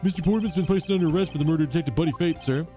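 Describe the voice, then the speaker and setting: A man's voice: a little high, rapid-fire, mellow, faint music behind, lightly acted. A man voicing an earnest, gossipy police detective who reports deferentially to his superior in a video game. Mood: eager reporting.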